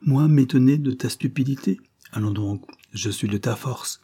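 A man's voice: medium pitch, moderate pace, dark tone, slightly rough, lightly acted. A man voicing a worldly, ironic male police agent who talks in a blunt, mocking, sententious way.

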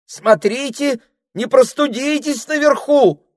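A man's voice: big pitch swings, a little slow, dry recording, clean studio sound, full character voice. A man voicing a fussy, weepy female spider housekeeper who squeals and sulks, reading from a storybook. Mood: fussing. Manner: shrill, squealing, sulky.

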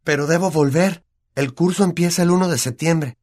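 Earnest, worried boy wizard, voiced by a male narrator with a Latin American Spanish accent; raised pitch, for an audiobook. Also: moderate pace, a little mellow, lightly acted. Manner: eager, anxious questioning. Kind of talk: audiobook character voice.

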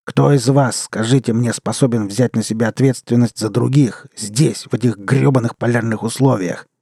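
A man voicing a rough, crude Siberian man in an audiobook, gruff and swearing. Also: mid-range voice, steady tone, moderate pace, warm tone, dry recording, studio quality. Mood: mocking. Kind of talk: audiobook character reading.

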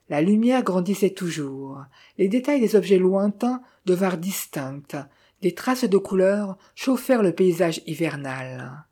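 A woman narrating a novel in a measured, even reading style. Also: medium pitch.

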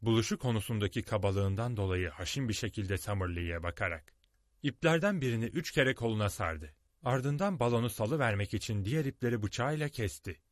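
A male narrator reads a storybook expressively and dramatically, with a rather low voice that rises and falls a great deal. His voice is dry and close, recorded in a studio. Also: animated, a little fast, dry recording. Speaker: audiobook narrator.

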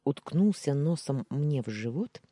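A woman narrating a first-person audiobook in an expressive, melodic reading. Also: deep voice, a little slow, dry recording.

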